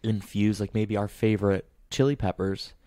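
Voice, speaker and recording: A young man chats on a casual podcast in a lowish, mellow voice. He rambles, piles on fillers and gets animated. The sound is dry and close. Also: normal speed, no echo. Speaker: podcast co-host. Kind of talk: casual chat.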